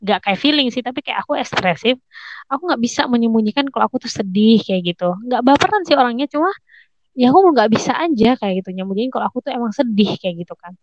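A woman's voice: fairly high pitch, fast talker, no room sound, poor audio. Chatty young woman, dry close sound. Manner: chatty and expressive, filler-heavy; slangy informal speech. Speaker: podcast guest. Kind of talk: casual podcast storytelling.

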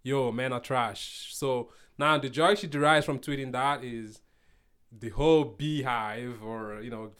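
A man's voice: mid-range voice, measured pace, a bit bright, clear, resonant tone. A young man from Nigeria, a podcast guest, talking casually and hesitantly, searching for words with lots of fillers. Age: young adult. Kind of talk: casual conversation.

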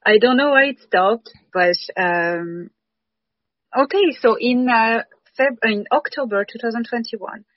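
A woman talks as a guest over a patchy, breaking-up video call. Her speech is hesitant and broken by filler pauses. The internet audio sounds dull and lo-fi, dry and close with no room sound. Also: fairly high pitch, no room sound. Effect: breaking-up video call connection. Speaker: guest on a live stream.

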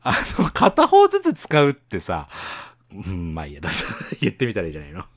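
A man from Tohoku, Japan co-hosting a casual bilingual chat, laughing often and protesting with animated repeated denials. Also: sits low, brisk, no echo, studio quality. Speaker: podcast co-host.

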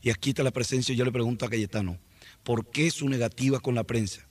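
A man playing a press conference moderator in a comic sketch, fussily pleading for calm and order. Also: medium pitch, quick pace.

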